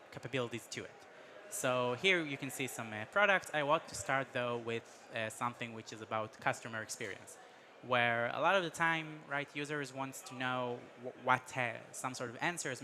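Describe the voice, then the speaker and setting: Bright-voiced man from Israel demoing. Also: medium pitch, slight background noise. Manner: halting, many fillers and restarts. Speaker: startup guest demoing AI product. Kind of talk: casual explaining, product demo.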